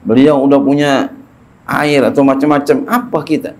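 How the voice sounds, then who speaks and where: A middle-aged man, an Islamic preacher teaching a classical book, gives a casual religious lecture in a medium-pitched, slightly mellow voice. His intonation stays fairly even at a moderate pace, and he speaks colloquially, repeating phrases and chuckling through his stories.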